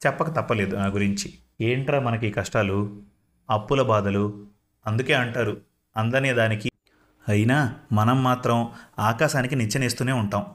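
Man, first-person story narration, reflective, emotive, middle pitch. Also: moderate pace, long pauses, a bit bright.

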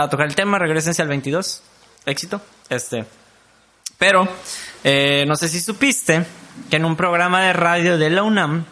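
A young man with a Mexican Spanish accent, co-hosting a podcast in slangy, animated casual chat. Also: a little high. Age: young adult. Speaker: podcast co-host.

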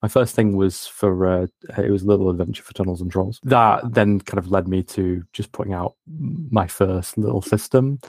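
Casting: man with a very low voice, hesitant guest, dry close sound. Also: fairly even intonation, normal speed, few pauses, darkish tone, dry recording. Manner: hesitant, many fillers and restarts. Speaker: game designer guest. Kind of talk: casual interview.

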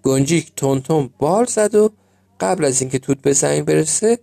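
A man reading a children's story aloud as storyteller, gentle and measured. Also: on the high side, lively intonation, creaky, no echo.

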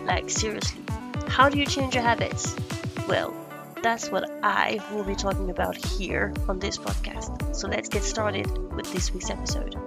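A woman hosting a solo podcast in an upbeat, encouraging advice-vlogger manner, chatty and emphatic, often repeating herself for stress. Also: mid-range voice. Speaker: podcast host.

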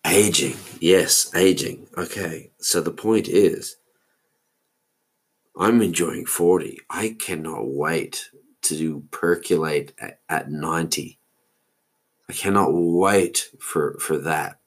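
Slow, deep-voiced man musing aloud. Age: 40s. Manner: musing, meandering, loses his thread. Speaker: podcast host. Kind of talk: solo rambling monologue.

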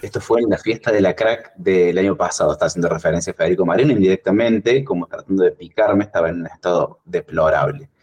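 Husky Argentine man telling stories. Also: quick pace, hardly any pauses. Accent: Argentine Spanish. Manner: rambling storyteller, animated when recounting, lively pitch jumps. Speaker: guest cartoonist. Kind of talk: casual podcast chat.

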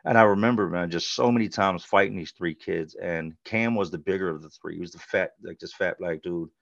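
A man's voice: deep voice, brisk, vocal fry, fairly bright tone, dry recording. A middle-aged man from North Carolina, telling his life story as a podcast guest in a blunt, conversational way, full of "like" and "you know". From North Carolina, USA. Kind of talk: candid personal storytelling. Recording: dull, lo-fi dry sound.

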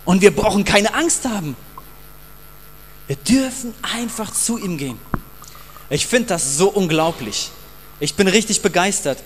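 A man's voice: high voice, animated, measured pace, long pauses. A man preaching a passionate, emphatic sermon and addressing the congregation directly, in a reverberant hall with faint mains hum. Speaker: pastor.

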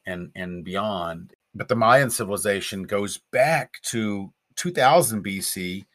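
A man's voice: lowish voice, slow, fairly bright tone. A man co-hosting a podcast in casual chat, rambling with fillers and chuckles. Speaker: podcast co-host.

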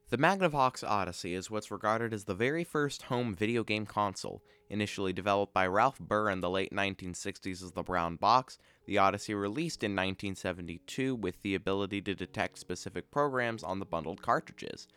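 A man's voice: on the low side, brisk, bright, forceful tone, smooth, dry recording. A man hosting a podcast, reading scripted explainer narration about video game trivia in a dry, matter-of-fact way. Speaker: podcast host.

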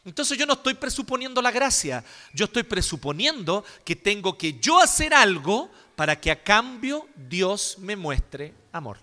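Animated bright-voiced preacher in echoing hall. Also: male voice, high voice, measured pace, hardly any pauses. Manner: expressive, acts out examples, asks listeners questions. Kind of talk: sermon. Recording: long hall reverb.

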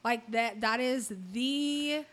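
Blunt, bright-voiced woman chatting casually. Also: a little high, fairly even intonation, slow. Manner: blunt, slangy and exclamatory. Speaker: podcast co-host. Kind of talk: casual, irreverent chat.

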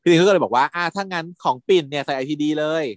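A podcast co-host recaps a drama series, casually retelling scenes and acting out the quoted lines in a raised voice like an animated storyteller. His voice is on the high side and fast, with no echo.

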